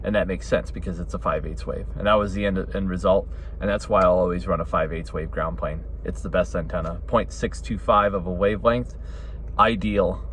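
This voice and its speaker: A middle-aged hobbyist radio vlogger rambles casually through his opinions, correcting himself and often adding "right?" and "you know". His deep voice is steady and a little fast, with a faint hiss or hum.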